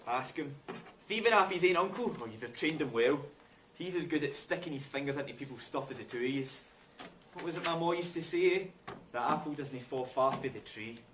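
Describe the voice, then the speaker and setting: A man's voice: medium pitch, brisk, close to an everyday voice. An actor in a stage reading playing a wronged, bitter working-class man who speaks with scornful, colloquial bluntness. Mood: bitter, accusing. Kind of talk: rehearsed stage reading of a drama. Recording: distant mic, background noise.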